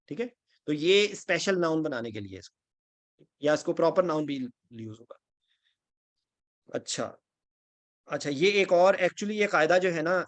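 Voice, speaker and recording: A man with a fairly high-pitched voice leads an online Quran grammar lesson. He reads out lists of Arabic word forms one by one. He stops often to ask whether his students are following. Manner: patient, repeats "theek hai?" to check understanding.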